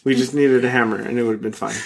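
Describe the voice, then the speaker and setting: A man's voice: mid-range voice, fairly even intonation, very fast, creaky. A man in his thirties co-hosting a podcast, chatting casually and rambling playfully with many restarts. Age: 30s. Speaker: podcast co-host. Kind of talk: casual chat.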